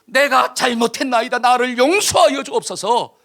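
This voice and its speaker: A man's voice: very high-pitched, moderate pace, bright, forceful tone, pitched above the performer's own voice, exaggerated voice. A man voicing a contrite male king who pleads and apologizes for his wrongs. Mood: pleading.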